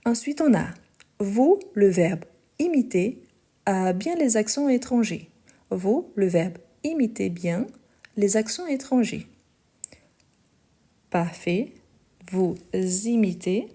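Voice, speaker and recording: Her voice is medium-pitched, warm, husky, and expressive as she teaches French live online. She takes each sentence slowly, says it twice, and spells out how the verbs end.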